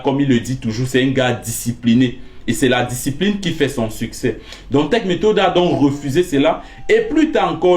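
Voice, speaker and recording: Male narrator, fairly high voice, echoey room, emphatic storytelling. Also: darkish tone. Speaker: channel presenter narrating a story. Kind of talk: narrating commentary.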